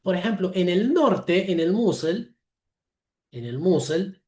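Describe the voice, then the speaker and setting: Man, Arabic accent, native Arabic speaker, lecturing, slow halting delivery, lively rise and fall, echoey room on a video call. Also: sits high. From Lebanon. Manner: slow, halting, with self-corrections. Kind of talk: online talk, explaining.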